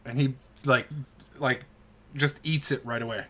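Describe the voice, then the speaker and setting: A man improvising narration as the game master of a tabletop game, halting and informal as he searches for words. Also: medium pitch, fairly even intonation, bright, forceful tone.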